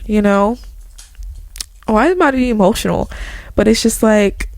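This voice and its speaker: A woman's voice: lowish voice, no echo. A woman in her twenties chatting casually to her viewers as a vlogger, earnest and rambling, full of "like" and "okay". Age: 20s. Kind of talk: casual motivational chat.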